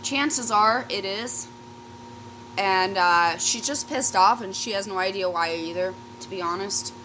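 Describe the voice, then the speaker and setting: A woman's voice: mid-range voice, a little slow, sharp tone. Casual sweary woman vlogger, noisy recording. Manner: informal, sweary, trailing off and self-interrupting. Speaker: YouTube vlogger. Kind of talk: casual rambling storytime chat while eating.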